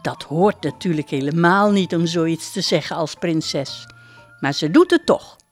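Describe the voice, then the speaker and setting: A woman narrating a storybook in a calm, measured way. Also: sits low, soft background music.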